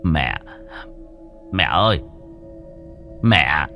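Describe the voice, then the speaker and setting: Scared old village guy stammering low and hushed, put on by a man. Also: sing-song, very slow, gravelly, faint music behind, full character voice. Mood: frightened. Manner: stammering, pleading. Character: frightened older village man, the father.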